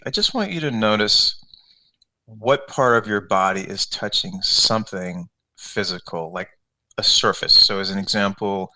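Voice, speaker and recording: Unscripted and conversational, a man leads a guided meditation as a coach, walking through each step with gentle repetition. His pitch is fairly low.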